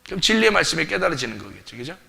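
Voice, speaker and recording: A man's voice: on the high side, big pitch swings, very fast, vocal fry, sharp tone. A male pastor preaching a sermon, emphatic and full of rhetorical questions to the congregation, recorded in a church sanctuary. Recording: long reverb of a church hall.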